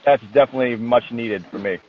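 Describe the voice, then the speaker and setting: A man's voice: mid-range voice, fast, a little hiss or hum. A man chatting casually as an interview guest, candid and colloquial with some swearing. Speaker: interview guest, dog trainer. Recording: thin phone-like line.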